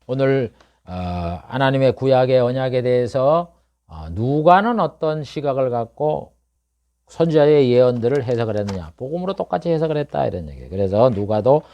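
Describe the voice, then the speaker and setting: This middle-aged man preaches expository-style from the pulpit, chatting with his listeners and posing question after rhetorical question. He moves between quiet murmuring and forceful outbursts, sounding expressive at a normal speed on a lo-fi recording.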